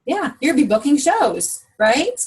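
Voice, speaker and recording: A woman's voice: high voice, sing-song, moderate pace, darkish tone, low-quality recording. A woman leads a team training talk in an upbeat coaching manner, often putting questions to her listeners. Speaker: sales team director.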